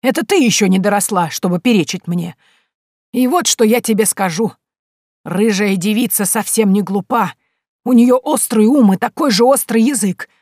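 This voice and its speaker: A woman reading an audiobook voices a sharp-tongued, domineering old mother-in-law who scolds slowly and cuttingly. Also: medium pitch, no room sound, studio quality, voice pushed up, natural voice. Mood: scornful.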